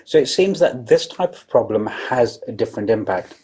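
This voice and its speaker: Husky-voiced man giving a lecture. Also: mid-range voice, expressive, normal speed, darkish tone. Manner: explains plainly with frequent ums and restarts. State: coughing, sucking a throat lozenge. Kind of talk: public lecture.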